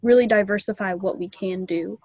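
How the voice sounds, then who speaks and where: A woman's voice: mid-range voice, brisk, no echo, dull audio. A young woman casually explaining things to a club meeting, chatty and loose with ums and small laughs, over a video call. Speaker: student club presenter.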